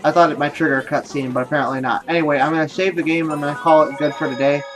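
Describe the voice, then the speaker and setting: Rapid-fire and fairly even in intonation, this man's voice sits on the high side as he thinks aloud during casual let's-play commentary for his gaming video. Faint music and a faint crowd can be heard behind him.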